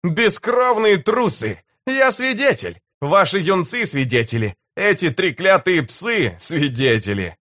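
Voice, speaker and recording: A man's voice: medium pitch, sing-song, a little slow, fairly bright tone, dry recording, studio quality. Karsa, a man voicing a fierce young warrior chief. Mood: roaring. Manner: bold, declaiming, commanding.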